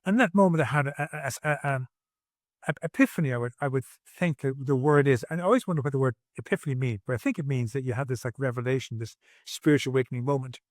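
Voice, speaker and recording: A man's voice: mid-range voice, quick pace, no room sound, studio quality. A man in his sixties, a podcast guest at home, telling his personal story in an earnest, reflective way with frequent restarts. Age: 60s.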